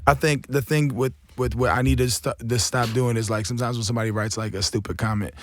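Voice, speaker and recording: A young man from Brooklyn, a rapper telling animated, slangy stories as an interview guest. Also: medium pitch, fast, a little hiss or hum. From born in Africa, raised in Brooklyn. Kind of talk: casual interview chat.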